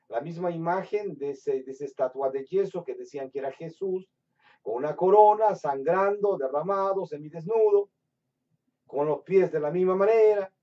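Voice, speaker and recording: A preacher from Latin America giving a sermon with personal testimony, swinging between loud, emphatic bursts and hushed storytelling. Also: male voice, high-pitched. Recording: distant, dull lo-fi sound.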